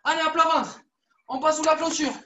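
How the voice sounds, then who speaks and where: A woman with a high voice leads a children's judo class, coaxing and lively as she repeats every instruction. She sounds echoey and far from the mic, as if filmed across a room. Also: fairly quick, highs cut off, a little hiss or hum. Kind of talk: live online kids' class, story-led exercises.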